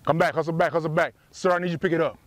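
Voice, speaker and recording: A middle-aged man coaching football drills outdoors, yelling short, repeated commands from the sidelines. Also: on the high side, fairly even intonation, rapid-fire, dry recording. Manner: clipped, repetitive commands. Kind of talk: drill instructions on the practice field.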